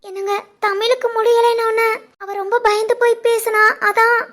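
A woman voicing a timid young wife in an animated family drama, anxious and pleading. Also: very high-pitched, normal speed.

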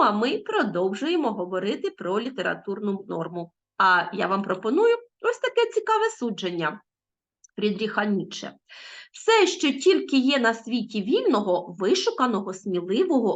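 A woman's voice: a little high, dull audio. A woman teacher giving an online language lesson, talking straight to her students with emphasis. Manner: lively, emphatic, addresses students directly.

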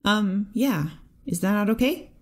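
A woman voicing a nervous, earnest young male hero in a fanfic audiobook, speaking hesitantly and politely, a bit above her own pitch. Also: expressive, measured pace.

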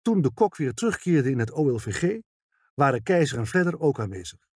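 Male audiobook reader, husky, animated, dry. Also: mid-range voice, brisk, no echo. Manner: expressive, voicing every character. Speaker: audiobook narrator. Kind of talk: scripted audiobook narration.

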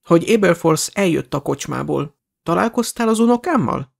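A man's voice: a little high, animated, gravelly, voice pushed up, full character voice. A man voicing a proud, stern elderly grandmother in an audiobook.

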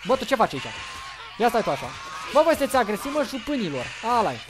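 A young man giving loud, excitable live commentary on a game he is playing, full of exclamations and playful taunts. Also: sits high. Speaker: gaming livestreamer.

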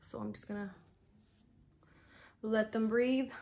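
A woman's voice: fairly high pitch, fairly even intonation, slow, vocal fry, darkish tone. A young woman talking casually to her camera at home, chatty and frank, with lots of fillers. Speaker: vlogger. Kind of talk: casual vlog talk to camera.

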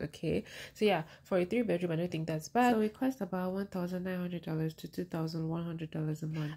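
A woman with a lowish, mellow voice talks through a house tour in a relaxed, chatty way. She keeps slipping in "you know" as she explains the rooms. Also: husky. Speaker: vlogger giving rental house tours. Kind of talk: casual voice-over for a house tour.

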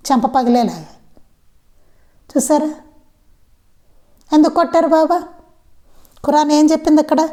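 A woman's voice: fairly high pitch, mellow. A woman giving a devotional satsang talk. She asks rhetorical questions and repeats the key lines again and again. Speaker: satsang speaker.

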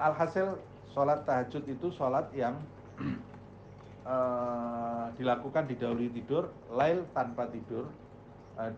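A man's voice: mid-range voice, darkish tone, muffled recording, slight background noise. A male Islamic teacher giving a religious study lecture, posing questions to the audience and answering them himself.

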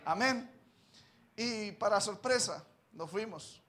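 A man who is a missionary pastor giving a sermon testimony, rising from quiet confiding talk to loud fervent preaching with frequent amens, in a church. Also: high voice, expressive, slow pace. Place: church sanctuary.

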